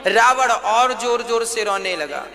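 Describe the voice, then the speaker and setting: High-voiced, slow devotional preacher. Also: male voice, lively intonation, sharp tone. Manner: dramatic, chants verses. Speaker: katha preacher. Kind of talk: devotional storytelling sermon with sung verses. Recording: devotional music playing underneath.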